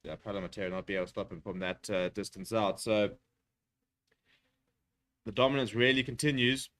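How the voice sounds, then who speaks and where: A man calls a rugby match live for a watchalong audience. He talks at a quick clip, piling up fillers and restarts, and his voice jumps up whenever the play gets going. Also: lowish voice. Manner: rapid, excitable play-by-play with filler words. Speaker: watchalong commentator. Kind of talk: live rugby commentary with chat replies.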